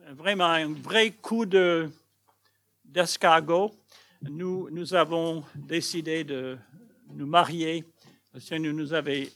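An older man from Massachusetts with an American accent, a pastor speaking French with many halting fillers as he opens a sermon with humor. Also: a little high, sharp tone. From Massachusetts, United States. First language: English. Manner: hesitant, halting, frequent fillers, self-deprecating humor. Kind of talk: sermon introduction.

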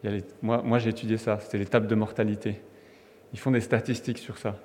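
A man's voice: fairly low pitch, little pitch movement, quick pace, darkish tone, a little hiss or hum. A man from France preaching a sermon in a conversational, emphatic way, with restarts and fillers. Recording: long hall reverb.

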